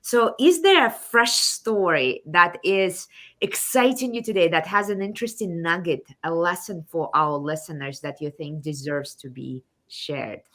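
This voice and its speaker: A woman's voice: fairly low pitch, measured pace, fairly bright tone. A woman from Kazakhstan hosting a live online show, enthusiastic and fond of repeating her welcomes. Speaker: show host.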